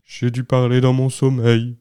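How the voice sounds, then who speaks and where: A woman voicing a big, grumpy, jumpy male bear in a storybook, with a gruff, grumbling delivery. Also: low voice, slow, a little mellow.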